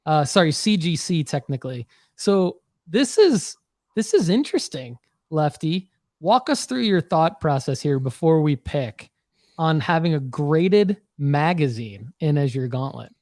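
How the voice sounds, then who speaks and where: A man with a slightly high voice hosts a casual podcast panel. He banters bluntly with the others, in a dry, close recording. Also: big pitch swings, measured pace, a little mellow, no room sound. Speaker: podcast host.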